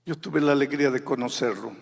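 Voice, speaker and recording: A male pastor delivers a sermon with a slightly husky voice. He tells his story softly, then surges into loud, urgent calls to the congregation. His voice rings with a long reverb from a large church hall. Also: mid-range voice, a little fast. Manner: swings from quiet intimate storytelling to loud fervent exhortation.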